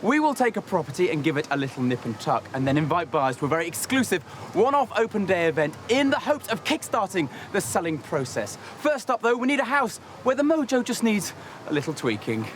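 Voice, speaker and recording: Lively punning male property presenter. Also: high-pitched, a little fast, slight background noise. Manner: playful, punning, theatrical asides. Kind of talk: jokey TV presenting and narration.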